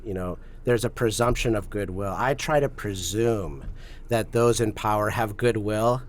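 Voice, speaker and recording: A man speaking as a guest on a podcast, explaining his views in a measured, earnest way. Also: lowish voice, slight background noise. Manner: measured, earnest, with many fillers and restarts. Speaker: guest, policy advocate. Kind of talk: podcast interview talk.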